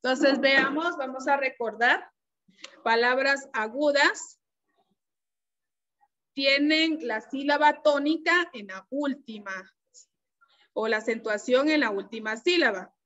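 A woman teacher giving an online class, explaining slowly and patiently and checking often that her students follow. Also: high-pitched, fairly bright tone. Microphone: computer mic on a video call. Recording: dull, lo-fi video-call audio.

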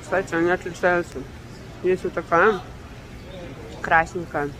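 A woman's voice: on the low side, little pitch movement, measured pace, fairly bright tone, low-quality recording. Chatty woman talking with her mouth full. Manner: chatty, enthusiastic, uses fond diminutives. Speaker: vlogger. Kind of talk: casual street food vlog. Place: outdoors on a busy city street. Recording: outdoor street noise behind the voice.

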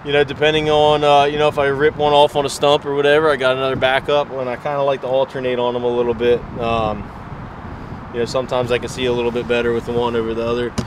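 A man's voice: mid-range voice, fast talker, noisy background. Chatty man touring his boat outdoors. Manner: relaxed and chatty, many fillers and restarts. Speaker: pro angler giving a boat tour. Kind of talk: casual walkthrough. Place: outdoors beside a boat in a yard.

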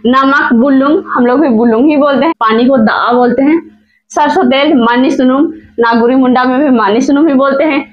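A woman with a high voice teaches vocabulary at a small whiteboard, saying each word slowly and repeating it. She talks in an easy, chatty way to her viewers. The sound is dull and lo-fi. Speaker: language teacher, channel host. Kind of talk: casual whiteboard vocabulary lesson.

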